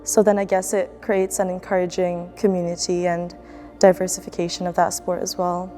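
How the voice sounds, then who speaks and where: A woman's voice: on the low side, flat delivery, normal speed, dark tone, soft background music. A young woman student athlete from the Philippines, speaking in a casual, reflective documentary interview with fillers and restarts. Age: young adult.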